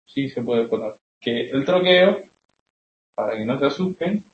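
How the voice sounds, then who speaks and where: A man's voice: mid-range voice, expressive, unhurried. Man lecturing in a roomy classroom. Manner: explanatory, keeps checking with questions. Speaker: literature teacher. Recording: roomy, dull classroom recording.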